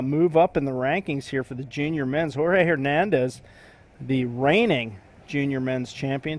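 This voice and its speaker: A man giving relaxed, chatty live commentary on a surf contest, using surf slang. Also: mid-range voice.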